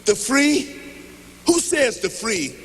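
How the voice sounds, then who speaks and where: A man reciting poetry as an impassioned rally speech, declaiming in measured phrases. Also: extremely high pitch, sing-song, breathy edge. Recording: noisy large hall with long reverb.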